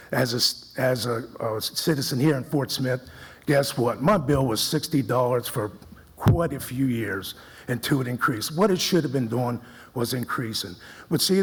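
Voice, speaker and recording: A man's voice: mid-range voice, breathy edge. A man speaking at a city council citizens forum, earnest and repetitive, restarting his sentences often. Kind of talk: public comment speech. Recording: echoey council chamber.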